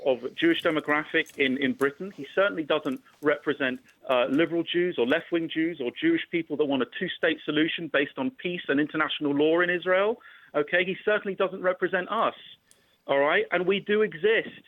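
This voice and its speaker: Insistent radio caller over a tinny phone line. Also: male voice, on the high side, no room sound. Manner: insistent, argumentative, stumbles and repeats words. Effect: heard over a phone line on a radio show. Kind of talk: heated phone-in debate.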